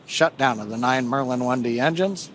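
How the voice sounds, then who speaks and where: A man's voice: mid-range voice, moderate pace, slight background noise. A man giving live launch commentary as a webcast commentator, explaining in a technical way.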